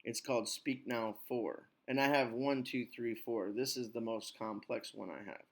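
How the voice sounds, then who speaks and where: A man hosting his podcast as an English teacher, talking in a relaxed, reassuring, rambling way. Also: medium pitch, normal speed, gravelly. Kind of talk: casual chat.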